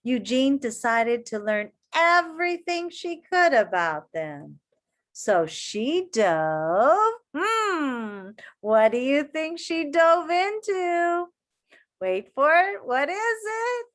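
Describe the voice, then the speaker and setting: In a high voice, a woman reads a children's story aloud the way an elementary teacher would, expressive and deliberate. She stops now and then to ask young listeners questions and give them encouragement.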